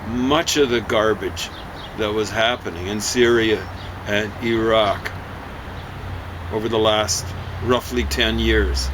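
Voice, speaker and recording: A man giving a rambling opinion monologue on current events, emphatic and opinionated, with halting asides. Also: lowish voice. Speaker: vlogger. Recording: steady ambient background noise.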